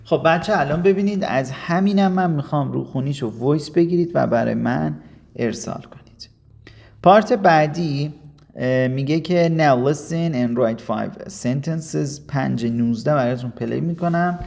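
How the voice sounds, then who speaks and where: Man from Iran, English teacher, casual video lesson, gravelly, coaxing. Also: fairly high pitch, a little mellow.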